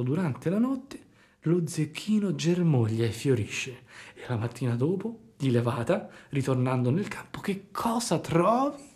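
A man voicing a sly, scheming fox who talks smoothly and coaxingly, sometimes dropping to a hush. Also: medium pitch, close to an everyday voice.

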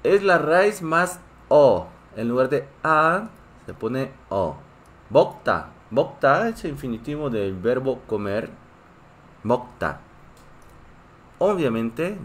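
A man's voice: mid-range voice, a bit bright, slight background noise. A man who is a native Korean speaker, teaching a live online class in a patient way and often checking in with his students. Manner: reads chat and greets viewers.

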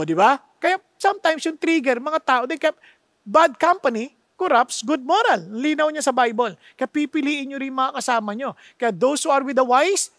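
A man's voice: very high-pitched, a bit bright, no echo. A man from the Philippines, a pastor preaching a sermon emphatically, with many rhetorical questions and English phrases mixed into his talk. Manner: mixes Tagalog with English phrases.

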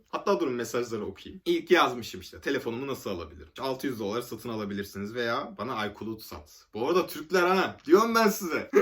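A young man from Turkey telling a story in a casual vlog, animated and joking, laughing often as he goes. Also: mid-range voice. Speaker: vlogger.

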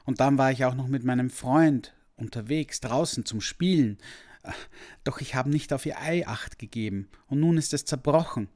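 A tearful young boy pleading and sniffling, as a man reading the story puts him on. His voice rises high and louder, breathless with shame. It sounds like a storybook child on the verge of crying. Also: moderate pace, lightly acted. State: sniffling, close to tears.

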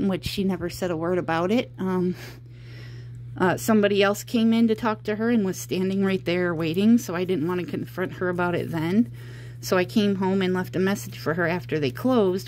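A woman telling a personal story in a casual vlog, halting and explanatory, with an aggrieved manner. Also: medium pitch, a little mellow. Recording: clear background noise, handheld home recording.

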